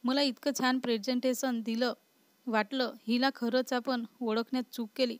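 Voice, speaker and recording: A woman's voice: a little high, little pitch movement, normal speed, dry recording, natural voice. A woman voicing a short-tempered, protective young husband in a storybook reading, in a scolding, exasperated manner. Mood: angry.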